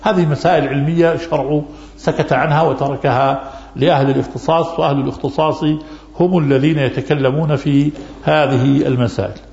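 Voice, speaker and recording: Fast, gravelly-voiced sheikh answering questions. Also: male voice, fairly high pitch, steady tone, a little mellow. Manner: repeats key phrases for emphasis. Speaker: Islamic scholar answering questions. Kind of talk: religious question-and-answer lesson. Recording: echoey, dull lo-fi recording.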